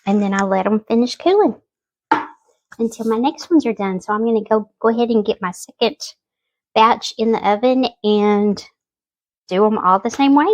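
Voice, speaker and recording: She hosts a home cooking channel, and her voice is a little high with a moderate pace. Homey and talkative, she explains each step of the casual demonstration to her viewers.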